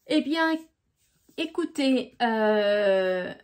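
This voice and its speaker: A French woman hosting a YouTube crafts channel answers viewer questions in a casual FAQ video. Her voice is high and expressive, and she talks slowly in a gentle, chatty manner with many hesitations.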